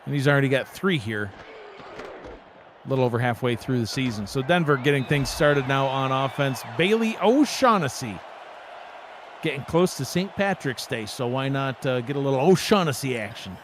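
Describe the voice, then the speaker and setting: A man's voice: medium pitch, normal speed, a faint crowd, slight background noise. Joking man calling a sim football game. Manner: relaxed, jokey, excited on big plays. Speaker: play-by-play commentator. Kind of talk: sports commentary.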